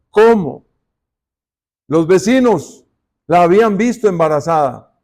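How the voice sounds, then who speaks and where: A male pastor preaches at an unhurried, drawn-out pace, his voice pitched a little high. He keeps turning to the congregation with rhetorical questions, as if in conversation with them. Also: darkish tone. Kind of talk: sermon. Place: church.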